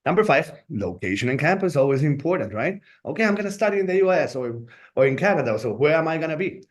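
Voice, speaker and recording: With a slightly high voice, big pitch swings and a quick pace, a Colombian man whose first language is Spanish talks through an informational webinar as a law school staff member. His accent is Colombian Spanish; he's earnest and tends to tag his points with "right?".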